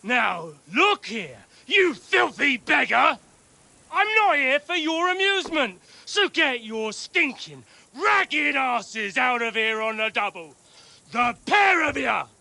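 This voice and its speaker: A man playing a gruff, scornful gate guard at a medieval castle in a video game. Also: mid-range voice, sing-song, a little slow, pushed and bright, heavily acted. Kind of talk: video game dialogue acting.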